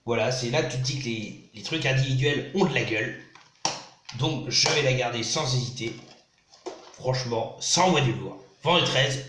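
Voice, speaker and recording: Recording on a phone, a YouTuber with a slight sore throat enthusiastically unboxes film DVDs and reads their back-cover blurbs aloud in a casual vlog. His voice is medium-pitched, bright and forceful, with a roomy sound and a little hiss or hum.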